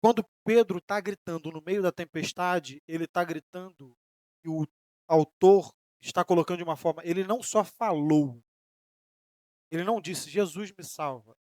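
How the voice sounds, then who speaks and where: Man, Brazilian accent, pastor's sermon, emphatic swells and quiet drops, high pitched. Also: normal speed, no room sound, clean studio sound. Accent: Brazilian Portuguese. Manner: preaching with emphatic rises and sudden soft drops; voices imagined questions from listeners.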